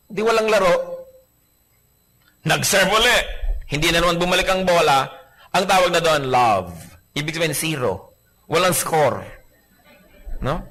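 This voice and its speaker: Lively, bright-voiced man preaching a sermon. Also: sits high. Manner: animated storytelling, acting out quoted people in voices; humorous, mixing English phrases into Tagalog preaching. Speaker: pastor.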